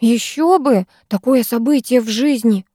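A woman's voice: on the high side, normal speed, dark tone, no echo, lightly acted. A woman voicing a chatty, gossipy teenage girl in an audiobook, raised a little above her narrating voice, in a dry, close recording. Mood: indignant. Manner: chatty, gushing.

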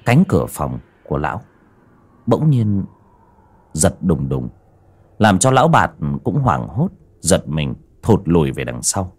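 Male horror story narrator, deep and husky, lively pitch, soft music underneath. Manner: slow, suspenseful storytelling.

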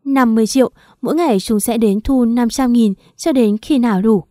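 A woman's voice: a little high, a little fast, warm tone, dry recording, clean studio sound, close to an everyday voice. A woman voicing a frightened young woman from the countryside in an audio story, speaking tearfully and pleadingly.

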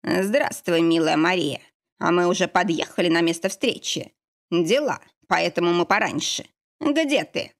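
A woman reading an audiobook, voicing a shrill, falsely friendly male villain. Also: unhurried. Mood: oily. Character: oily menacing male villain.

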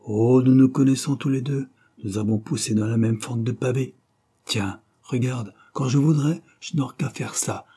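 A man reading an audiobook, voicing a brash, fiery young courtesan with sharp, taunting outbursts. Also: medium pitch, normal speed, breathy edge.

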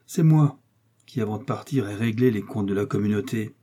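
Man doing a stern noble musketeer, firm measured, husky dark voice. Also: on the low side.

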